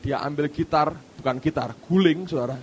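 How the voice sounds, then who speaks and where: A middle-aged male pastor preaching a sermon, emphatic, with sudden loud outbursts and quiet asides. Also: a little high, brisk, slight background noise.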